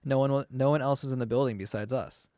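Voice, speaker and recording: A man co-hosting a relaxed podcast chat, spinning a rambling story full of filler words. His voice sits in a middle pitch and is recorded close and dry, with no room sound around it. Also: fast, no room sound. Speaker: podcast co-host. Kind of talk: casual chat.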